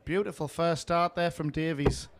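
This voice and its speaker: A male sports commentator covering a darts match live. His voice is high for a man, and he speaks in punchy, admiring phrases. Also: steady tone, moderate pace, a crowd in the background.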